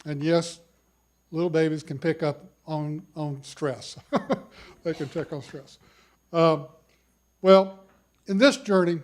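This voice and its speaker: Speaking in a conference hall, an older cancer survivor gives a personal story talk with a big voice that is a little high and darkish. He tells it folksily, with self-deprecating touches.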